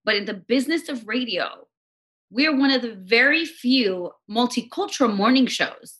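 A woman's voice: a little high, animated, moderate pace, fairly bright tone. A woman from Los Angeles, a radio co-host, chatting casually and emotionally as a podcast guest, full of "you know what I mean".

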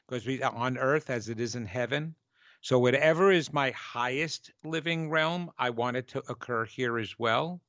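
A man's voice: medium pitch, moderate pace, a bit bright, no room sound. Emphatic New York man, dry dull sound. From New York, United States. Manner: emphatic, talks in stretched key words and acted-out dialogue. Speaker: radio show host and spiritual teacher. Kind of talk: conversational spiritual teaching monologue.

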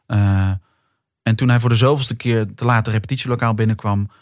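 A man's voice: fairly low pitch, fairly even intonation, brisk, dry recording, clean studio sound. A man in his forties, a guest actor and writer, telling personal stories in a casual talk. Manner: thoughtful anecdotes, many fillers. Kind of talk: casual chat.

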